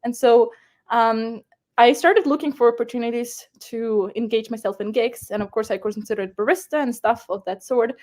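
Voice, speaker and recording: A young woman with a Ukrainian accent and a slightly high voice tells her own story as an interview guest. Her speech is loose and animated, packed with fillers, restarts and quick bursts of laughter.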